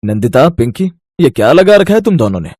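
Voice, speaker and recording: A man's voice: mid-range voice, sing-song, fairly quick, darkish tone, slightly rough. A man voicing a stern young husband and elder brother in a storybook, scolding and exasperated. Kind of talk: storybook character voice.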